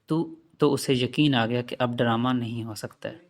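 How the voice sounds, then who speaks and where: A man's voice: mid-range voice, fairly even intonation, dry recording. Man narrating an emotional first-person story.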